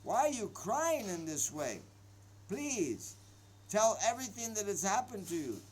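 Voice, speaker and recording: A man's voice: high-pitched, measured pace, a little hiss or hum, poor audio. A man voicing an anxious, loving middle-aged mother who pleads with trembling urgency. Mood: pleading. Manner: pleading, tremulous, urgent questions.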